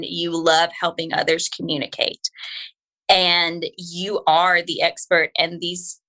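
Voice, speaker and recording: Woman, slightly low pitch, bright forceful tone, earnest encouraging interview talk, informal. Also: rough recording. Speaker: podcast guest, school speech-language pathologist. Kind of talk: conversational interview.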